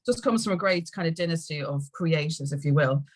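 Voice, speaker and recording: An Irish woman, a music consultant and campaigner, is a podcast guest telling her personal story in a casual, chatty way with some mild swearing. Her voice sits low and she talks fairly quickly.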